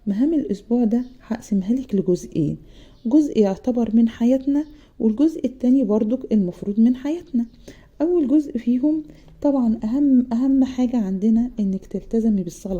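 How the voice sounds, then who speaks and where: A woman voicing a calm, kindly female doctor who reassures and instructs a patient, with an Egyptian accent. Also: medium pitch, highs cut off, close to an everyday voice. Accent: Egyptian Arabic.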